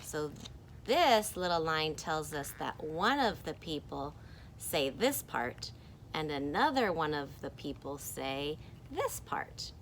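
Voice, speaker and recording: A woman teacher reads a picture book aloud to children, animated and encouraging, adding playful sound effects. Her voice sits low, and the rough recording carries a little hiss or hum.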